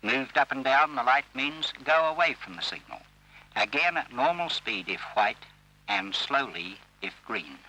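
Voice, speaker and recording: The narrator of this vintage training film is a man with a medium-pitched, very animated voice that is bright, crisp and forceful. Reading the script in a formal, measured manner, he sets out each instruction in turn. This film voice-over comes with poor audio quality.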